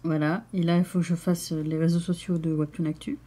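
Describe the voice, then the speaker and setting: Young woman vlogger, casual and giggly, slightly low and mellow voice; chatty everyday delivery. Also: a little fast. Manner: chatty, giggly, gets excited unboxing. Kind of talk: casual vlog chat.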